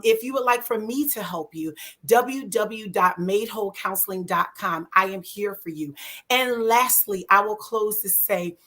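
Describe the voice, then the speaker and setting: A woman's voice: medium pitch, a bit bright. Encouraging woman therapist. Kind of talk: closing remarks to an online audience.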